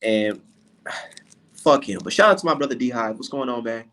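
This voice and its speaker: A man's voice: medium pitch, animated, normal speed, fairly bright tone. A man in his twenties hosting a casual podcast chat, brash and cussing, getting fired up. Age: 20s. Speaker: podcast host.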